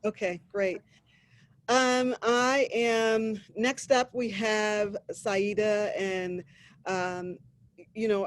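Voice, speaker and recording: High-voiced man moderating a panel. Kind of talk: moderating a panel discussion on a video call. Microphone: video call.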